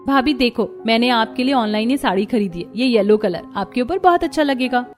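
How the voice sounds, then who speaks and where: A woman voicing a bright, kind young sister-in-law. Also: on the high side, a little fast, faint music behind, close to an everyday voice. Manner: lively, caring.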